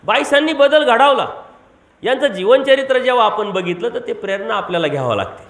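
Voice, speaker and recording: A man preaches a devotional sermon in a strikingly high voice. He keeps asking rhetorical questions and hammers key words through repetition. The room is roomy and echoey. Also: expressive, fairly quick, fairly bright tone. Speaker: monk preacher.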